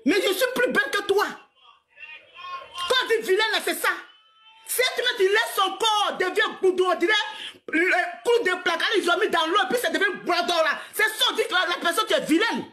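A woman in her forties rants on a live stream in a very high, bright, forceful voice. She scolds at length, laughs often, and keeps repeating herself. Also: moderate pace. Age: 40s. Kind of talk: heated live-stream rant.

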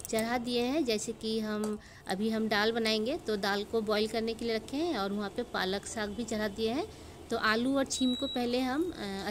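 High-voiced Bengali-accented woman cooking at home. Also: noisy background. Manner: chatty, homely, with slight slips in Hindi. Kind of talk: casual cooking vlog narration. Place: home kitchen.

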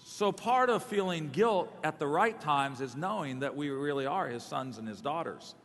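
A middle-aged man preaching a sermon in a large church hall, telling a personal story with self-deprecating humor and lively swings between loud and soft. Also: fairly high pitch, moderate pace. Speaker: guest preacher. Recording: long reverb of a large hall.

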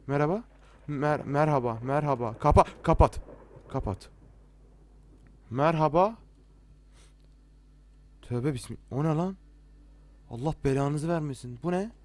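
A man's voice: fairly high pitch, measured pace, long pauses, a little mellow. A young man commenting as he plays a horror game, nervous and jittery, joking and swearing at every scare. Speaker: let's play gamer.

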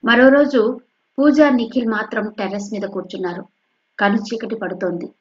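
A woman from coastal Andhra reading an audio novel in a steady, measured narration. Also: fairly high pitch. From coastal Andhra, India. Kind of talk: scripted narration. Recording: dull lo-fi recording.

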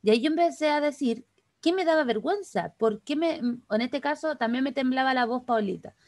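A woman with a Chilean accent, teaching an online class over a video call, talking quickly and chattily straight to the participants. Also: high voice, darkish tone, no echo, clean studio sound. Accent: Chilean Spanish. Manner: fast, chatty, addresses participants directly. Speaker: workshop instructor.

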